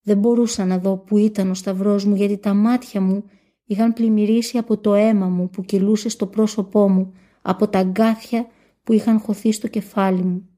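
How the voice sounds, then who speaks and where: A woman giving a solemn reading of a religious text in a steady, measured first-person recitation. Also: medium pitch.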